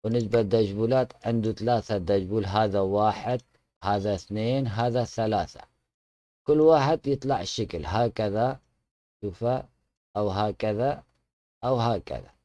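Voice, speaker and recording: A man's voice: fairly low pitch, moderate pace, dark tone, no echo. A man with an Iraqi Arabic accent giving casual game tutorial commentary, chatty and fond with viewers, often restarting his words. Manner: chatty, addresses viewers fondly, frequent restarts. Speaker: gaming channel host showing a truck mod.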